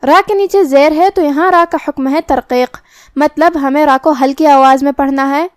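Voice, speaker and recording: A woman teaching Quran recitation, explaining each letter's articulation methodically and reciting verses slowly. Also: sits high, no echo, studio quality. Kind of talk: recorded tajweed lesson.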